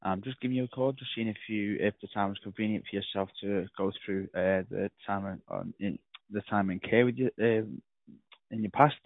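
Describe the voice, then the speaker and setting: A man's voice: fairly low pitch, fairly even intonation, a little fast, no room sound. A man leaving a polite, formal voicemail as a law firm caller, heard over a landline phone. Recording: tinny dry phone line.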